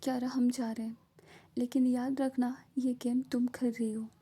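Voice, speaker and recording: Woman playing a strict grumpy rich dad, curt and stern, high flat voice. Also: normal speed, slightly rough. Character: strict, irritable middle-aged wealthy father.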